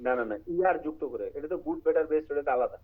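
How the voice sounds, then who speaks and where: A high-voiced man teaches an online English writing class at a quick clip. He explains grammar and puts questions to his students, with English terms scattered through his talk. His voice comes through a narrow, tinny line that sounds like a phone call. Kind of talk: live online class lecture.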